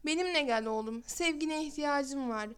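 A woman's voice: sits high, normal speed, natural voice. A woman voicing a grieving beggar mother in a storybook reading, pleading and tearful as she speaks. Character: grieving beggar mother searching for her son.

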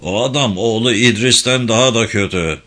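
A man's voice: lowish voice, moderate pace, a bit bright. A man doing a weary old father. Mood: weary anxious. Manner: impatient, despairing.

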